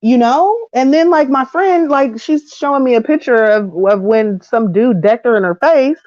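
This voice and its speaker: This vlogger, a woman in her 30s whose voice sits high, rants bluntly to camera in slangy language, animated and ready to break into mocking voices. The sound is dry and muffled.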